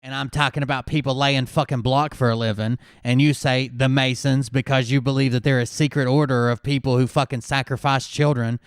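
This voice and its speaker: A man with a smooth, clear voice talks things through in a calm, skeptical way, swearing now and then. He hosts a casual commentary chat, and his voice sounds close and dry. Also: medium pitch, a little fast, few pauses, no echo. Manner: skeptical, explains calmly, swears.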